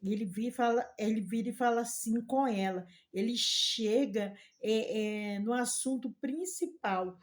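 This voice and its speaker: A woman missionary preaching a sermon in a fairly high voice. She takes her time, retelling scripture dialogue in everyday words and pausing to praise God. Her tone is fervent and openly amazed. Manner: retells scripture dialogue in plain speech, often adding "né?" and "louvado seja Deus". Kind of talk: sermon retelling a Bible story.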